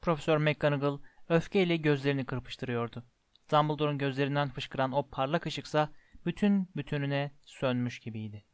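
A man reading a storybook aloud in a measured way, slowing down for descriptive passages. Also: on the high side, smooth, dry recording, clean studio sound. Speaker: audiobook narrator. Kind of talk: storybook narration.

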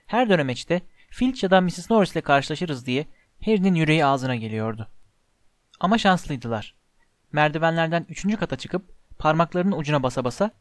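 A man narrates a story in a steady, expressive reading voice. His pitch sits a little high for a man. The recording is dry and close, with no room sound. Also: no room sound. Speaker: audiobook narrator.

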